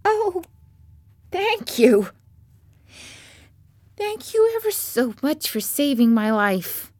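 A woman voicing a tiny, proud female mouse queen in a squeaky, high voice. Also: very animated, a little mellow, dry recording, heavily acted. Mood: grateful. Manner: high, slow and indignant.

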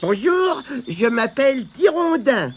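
A man voicing a good-natured, gentle young boy in a storybook reading. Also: very high-pitched, big pitch swings, slow, husky, pitched above the performer's own voice, exaggerated voice. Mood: friendly. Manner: gentle, friendly.

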